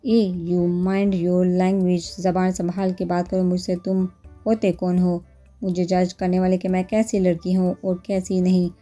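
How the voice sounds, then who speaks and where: A woman's voice: lowish voice, little pitch movement, warm tone, faint music behind, natural voice. Woman voicing a cheeky young woman doctor. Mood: angry. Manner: teasing, cheeky.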